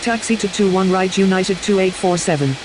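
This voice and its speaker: Female actor as airline pilot, radio phraseology, businesslike, medium pitch, noticeable background noise. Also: brisk, natural voice. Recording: noisy radio with engine-like ambience.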